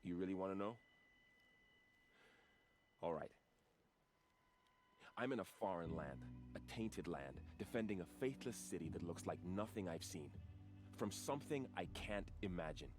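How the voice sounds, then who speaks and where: Varl, a deep earnest warrior. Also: male voice, expressive, normal speed, long pauses. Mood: heartfelt. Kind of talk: video game dialogue. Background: game music.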